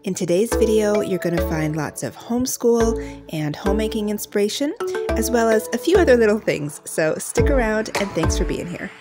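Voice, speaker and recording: A woman's voice: mid-range voice, expressive, normal speed, loud music behind the voice. A woman in her thirties from Nova Scotia, chatting easily as she vlogs her homeschool and homemaking day. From Nova Scotia, Canada. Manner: chatty, easygoing. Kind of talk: casual vlog narration.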